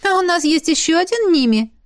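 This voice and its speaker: A woman's voice: sits high, lively intonation, no room sound, clean studio sound, voice pushed up. A woman voicing a bubbly pampered girlfriend. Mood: teasing. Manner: bubbly, emphatic, quick to exclaim. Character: lively, pampered young woman friend.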